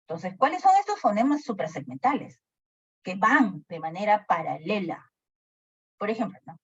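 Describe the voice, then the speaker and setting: A woman's voice: mid-range voice, moderate pace, slightly rough, dry recording. A woman teacher giving a lecture who keeps asking her class questions. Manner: animated, asks the class questions often. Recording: dry, dull lo-fi sound.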